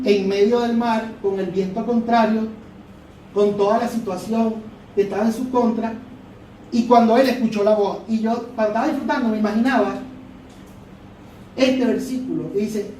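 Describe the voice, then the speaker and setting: High-voiced preacher in echoey hall. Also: male voice, mellow, slight background noise. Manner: fervent, repetitive preaching. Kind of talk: sermon. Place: church hall. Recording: echoey church hall, mic far off.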